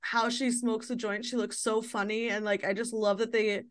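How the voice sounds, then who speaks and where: A woman in her thirties hosts a casual podcast. Her voice sits a little high, and her talk is loose and chatty, full of fillers and quick laughs. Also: flat delivery. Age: 30s. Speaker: podcast host.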